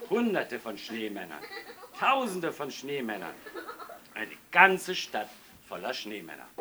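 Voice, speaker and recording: A man reading a children's story aloud in an expressive, playful way. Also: medium pitch, a little hiss or hum.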